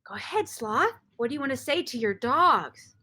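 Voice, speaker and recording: Bright, high-pitched bossy woman. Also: expressive, normal speed, breathy edge. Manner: bossy and exasperated, drops to a whisper. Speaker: improviser acting as game master. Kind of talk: improv comedy.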